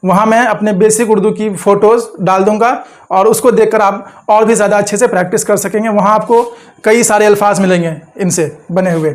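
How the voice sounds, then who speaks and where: A man's voice: high-pitched, steady tone, a little fast. A man teaching an Urdu lesson step by step, patiently repeating words and asking the viewer questions.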